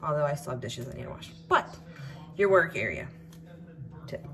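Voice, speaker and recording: A young woman, chatting casually as she cooks in her home kitchen, with plenty of ums and a relaxed, unhurried way of talking. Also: sits low, faint music behind. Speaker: home cook vlogger. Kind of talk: casual cook-along narration.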